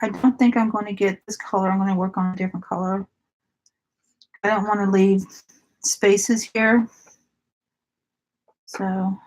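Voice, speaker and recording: A woman's voice: medium pitch, steady tone, a little slow, long pauses, a little mellow, rough recording. A woman, chatting casually with viewers during a craft live stream and often laughing. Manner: chatty, giggly, talks to viewers by name.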